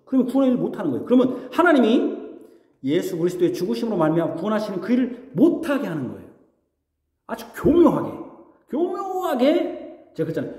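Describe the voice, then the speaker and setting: A man's voice: high-pitched, warm tone. A man preaching a sermon as pastor. He talks conversationally, puts questions to the congregation and acts out mocking voices. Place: church sanctuary. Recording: echoey hall reverb.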